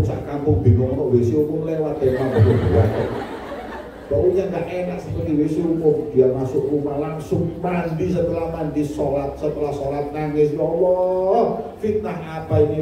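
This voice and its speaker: A man's voice: fairly high pitch, warm tone, slight background noise. A male preacher who tells a story during a sermon, joking with the congregation. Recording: echoey hall, voice from far off.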